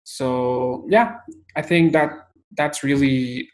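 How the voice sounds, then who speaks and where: A young man from Guatemala, answering interview questions in a steady, methodical way with frequent fillers. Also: medium pitch, slow, poor audio. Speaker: interview guest.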